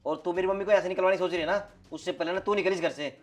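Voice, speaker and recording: A man's voice: sits high, steady tone, racing, faint music behind, close to an everyday voice. A man acting a hot-tempered, devoted son in a family drama skit, speaking emphatically and scolding. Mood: angry. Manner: emphatic, scolding, filler-heavy. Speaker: vlog host.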